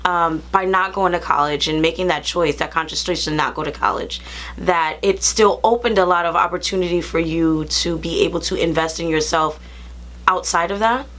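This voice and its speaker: A woman's voice: fairly low pitch, normal speed, fairly bright tone. A woman hosting a casual interview, encouraging her guest and affirming him often. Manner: encouraging, with many affirming fillers. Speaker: interview host.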